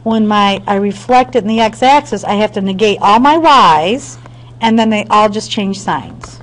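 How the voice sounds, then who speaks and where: A woman's voice: mid-range voice, unhurried, a little hiss or hum, poor audio. Woman math teacher, patient and methodical, speaks straight to her students, mid-range voice. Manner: patient step-by-step explaining with frequent check-ins; talks to students directly. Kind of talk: screen-recorded math lesson.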